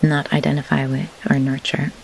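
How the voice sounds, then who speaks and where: Here a woman, a grief doula by profession, gives slow meditation instructions in careful, pause-filled phrases. Her pitch sits low; the recording quality is poor, with a distinct pink-noise hiss resembling constant rain underneath.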